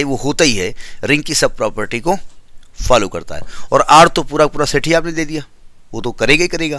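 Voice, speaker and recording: A man's voice: mid-range voice, bright, forceful tone, no echo. A man teaching a maths lecture, explaining step by step and repeating key terms. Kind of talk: classroom lecture.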